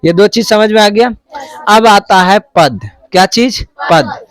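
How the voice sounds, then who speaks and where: A man's voice: sits high, takes it slowly, fairly bright tone. A male teacher, giving a classroom math lesson and quizzing students with repeated questions. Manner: call-and-response questioning, repeats answers.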